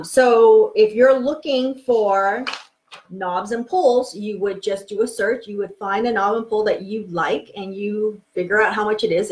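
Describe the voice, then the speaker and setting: A woman in her forties teaching home renovation planning in a frank, chatty live video from her home office, using a webcam. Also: mid-range voice. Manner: frank, chatty, emphatic, with frequent ums.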